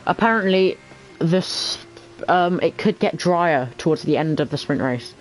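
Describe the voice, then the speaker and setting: Higher-pitched man calling a race. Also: expressive, measured pace, faint music behind, poor audio. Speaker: lead commentator. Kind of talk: casual sim racing league commentary. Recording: faint background noise.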